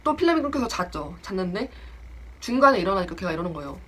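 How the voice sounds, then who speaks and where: A storytelling vlogger, a woman in her twenties, tells a casual story about her friend with lots of animation, acting out what people said in various voices. Her pitch is medium and her pace fast.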